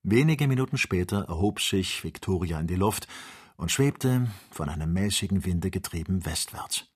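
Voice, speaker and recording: Audiobook narrator, male, low and husky, steady storytelling. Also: normal speed. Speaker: audiobook reader. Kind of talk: scripted narration.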